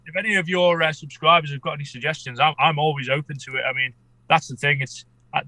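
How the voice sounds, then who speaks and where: Congested man, bright higher-pitched voice. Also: fairly even intonation, fast talker, no echo, poor audio. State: congested with a cold, muffled as if underwater. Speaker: podcast guest, amateur shark expedition filmmaker. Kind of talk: casual interview chat.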